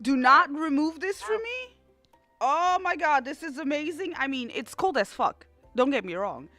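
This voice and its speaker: Woman streamer from Portugal in her twenties, high and bright, animated and swearing, dry headset sound, faint music behind. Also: normal speed, dry recording. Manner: animated, laughing, swearing freely. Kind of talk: casual chat. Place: cold room at home.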